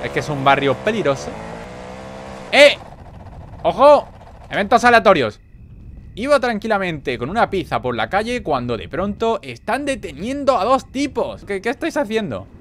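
A young man with a Spain Spanish accent commentating on a game in a joking, animated way, his voice sitting fairly high and swinging widely in pitch. He breaks into sudden loud outbursts. Faint game noise sits behind him. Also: normal speed. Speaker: gaming video creator. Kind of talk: gameplay commentary.

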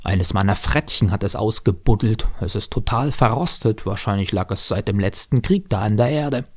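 A man reading his own first-person story aloud on stage, in a lively, expressive storytelling manner. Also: lowish voice, moderate pace.

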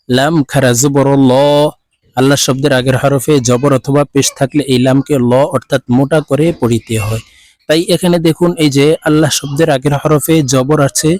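A man with a Bangladeshi accent teaching Quran reading, spelling each word letter by letter and then chanting it slowly and drawn out. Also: fairly high pitch, a little mellow, dry recording. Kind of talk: spelling out and slowly reciting Quranic words in a lesson.

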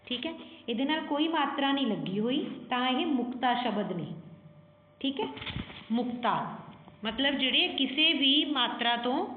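A woman's voice: sits high, animated, normal speed, slight background noise. A woman teaching young children to read Punjabi, patiently sounding out each letter. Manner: calls the children "puttar". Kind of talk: children's reading lesson. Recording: echoey, tinny phone-like audio.

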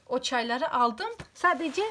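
Woman home-cleaning vlogger, slightly high voice, talks chattily to viewers, faint noise behind. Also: expressive, measured pace, bright, forceful tone. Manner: chatty, repeatedly addresses viewers as friends. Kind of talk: casual how-to demonstration. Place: at home by a rug.

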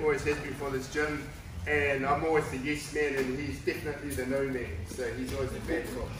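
Hesitant New coach, far off. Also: male voice, on the high side. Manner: hesitant, heartfelt, casual. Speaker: gym owner and head coach. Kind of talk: informal speech at a belt ceremony. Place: indoor martial arts gym. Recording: echoey gym from far off with background noise.

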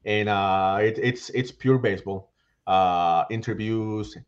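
A man's voice: lowish voice, slow, dull audio. A middle-aged man with a Puerto Rican accent, a guest baseball writer talking animatedly over a headset on a video call. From Puerto Rico. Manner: animated, restarts phrases often. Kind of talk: casual video-call interview. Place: small home room with shelves.

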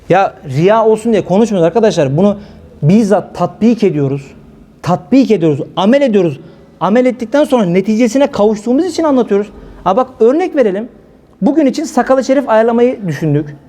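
A man giving a casual sermon talk, telling stories with a lively manner and acting out the voices of people he quotes. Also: high-pitched. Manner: lively storytelling preacher, acts out quoted voices. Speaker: preacher.

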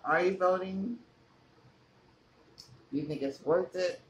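Chewing on camera, a Californian mukbang vlogger talks in a high, slow voice and keeps quizzing his viewers in a chatty way. The recording sounds muffled, with an echoey room and a faint background hum.

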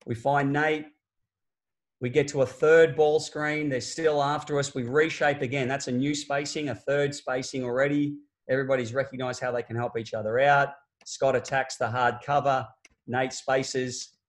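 Male basketball coach, 40s, explaining plays over a webcam call, casual and explanatory with frequent ums. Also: medium pitch. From Australia. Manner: conversational, explanatory, frequent fillers and restarts. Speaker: basketball coach presenting a clinic. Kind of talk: online coaching clinic talk over game video. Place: small office at home. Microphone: laptop webcam on a video call.

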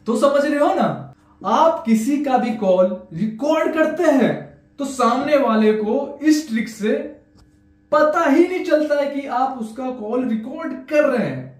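A man in his twenties with an Indian accent speaks at an extremely high pitch, animated and a little slow. Like a tutorial host, he explains phone steps and repeats himself for emphasis. He's recorded in a small bare indoor room with echoey acoustics.

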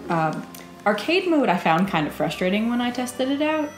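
A woman's voice: on the high side, big pitch swings, normal speed, noisy background. A woman chatting casually as she plays a video game and explains how it works. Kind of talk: casual gaming chat. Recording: roomy, echoey microphone.

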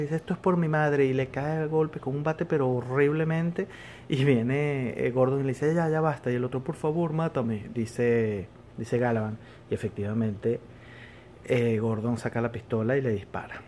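A man's voice: medium pitch, darkish tone, a little hiss or hum. Man rambling through a TV episode recap. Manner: rambling retelling with frequent fillers and restarts. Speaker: TV series reviewer.

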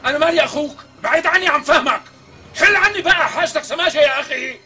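A man's voice: very high voice, expressive, very fast, sharp tone, exaggerated voice. An actor with a Syrian accent playing a brusque, irritable man who snaps at an unwanted visitor in a TV comedy. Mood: irritated. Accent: Syrian Arabic. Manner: snappy, exasperated, curses freely. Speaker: stubborn lodger. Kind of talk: TV comedy acting.

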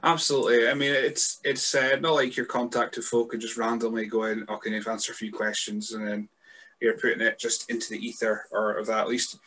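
A man's voice: lowish voice, flat delivery, brisk, fairly bright tone. A man in his thirties with a Scottish accent, hosting a podcast interview over a video call, chatty and rambling in his questions. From Scotland. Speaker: podcast host. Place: room indoors. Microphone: headset mic.

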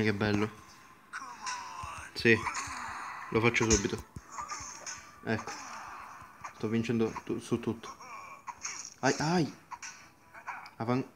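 Young guy chatting over a phone game, slow talker but gets hyped a lot, little bit of noise in the back. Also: mid-range voice. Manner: excitable, exclaims and laughs often, stumbles over words. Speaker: gaming channel host. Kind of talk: casual mobile gameplay commentary.

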